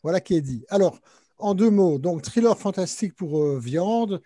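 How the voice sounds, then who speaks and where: A man moderates a literary panel, introducing the guests and their books with many hesitations and fillers. His voice is high with lively intonation and a dark tone, at a moderate pace, in a dry, studio-quality recording.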